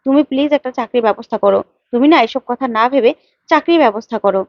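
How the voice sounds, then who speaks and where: A woman's voice: fairly high pitch, quick pace, dry recording, close to an everyday voice. Woman voicing a defiant young wife. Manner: indignant, repeats herself, pleading to her mother. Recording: dull lo-fi, dry.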